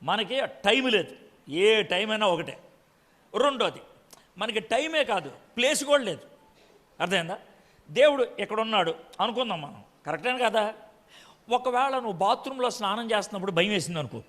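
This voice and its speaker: A man's voice: sits high, a bit bright. A male pastor preaching a sermon, constantly firing rhetorical questions at the congregation and scolding them. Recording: long hall reverb.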